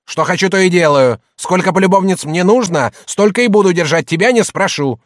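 A man's voice: sits high, fairly quick, no room sound, studio quality, close to an everyday voice. A man reading an audiobook, voicing a middle-aged shopkeeper who wheedles and then bullies his wife. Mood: angry. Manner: gruff, by turns placating and bullying. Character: rough, boastful male shopkeeper, middle-aged, blustering.

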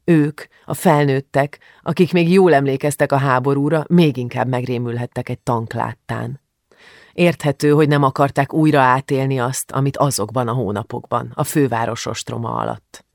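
An audiobook narrator reading a novel in a calm, measured way. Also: medium pitch, gravelly, no echo, studio quality. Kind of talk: scripted narration.

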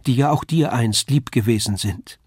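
A man's voice: mid-range voice, moderate pace, a little mellow, husky, dry recording, studio quality, close to an everyday voice. A man reading aloud, voicing an earnest young man who speaks in a heartfelt, pleading way. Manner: heartfelt, pleading, rising emphasis. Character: earnest young man asking his love home.

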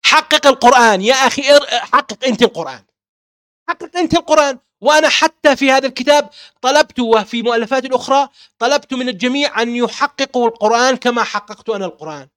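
A man's voice: very high voice, fast talker, fairly bright tone, smooth, no room sound, clean studio sound. A man with a Levantine Arabic accent, an author delivering an impassioned monologue. He is insistent and fervent, firing off rhetorical questions and repeating himself. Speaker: author and publisher.

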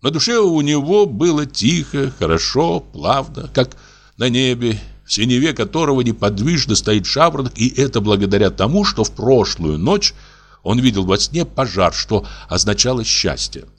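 A man narrating a classic story as an audiobook, with expressive, varied intonation. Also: mid-range voice, moderate pace.

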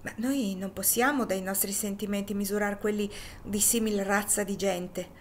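A woman's voice: mid-range voice, steady tone, normal speed, slight background noise, natural voice. A woman reading the lines of a complacent young lady with a languid, dismissive manner.

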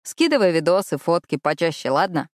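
A woman voicing a tender young man, a loving boyfriend, in a soft, affectionate way. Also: on the low side, very animated, a little fast, no room sound, studio quality.

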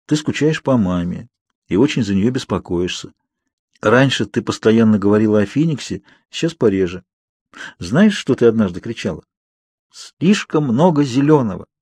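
A man voicing a calm, mysterious young man in an audiobook, speaking quietly and gently teasing. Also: fairly low pitch, normal speed, slightly rough, no room sound. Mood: hushed.

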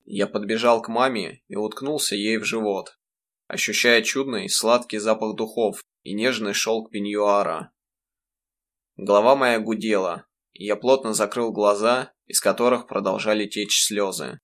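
A man narrating a first-person audiobook in a measured, reflective way. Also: fairly low pitch, fairly even intonation, a bit bright.

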